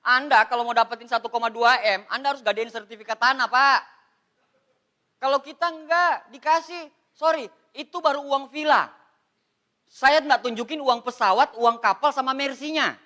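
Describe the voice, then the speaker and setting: A man from Indonesia in his thirties giving an animated, joking motivational seminar talk, addressing the audience as Pak. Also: very high voice, normal speed. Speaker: motivational speaker on MLM.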